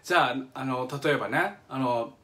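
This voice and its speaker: Here the middle-aged Kansai Japanese speaker uses a bright, forceful mid-range voice at normal speed. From his home kitchen, he eagerly and chattily explains music on a live stream via phone or webcam, humming examples and reading viewer comments.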